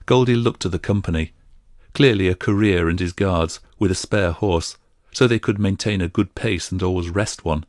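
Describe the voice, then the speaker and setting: A man narrating a fantasy audiobook in a steady, even storytelling manner. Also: deep voice, moderate pace, no room sound, studio quality. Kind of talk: scripted narration.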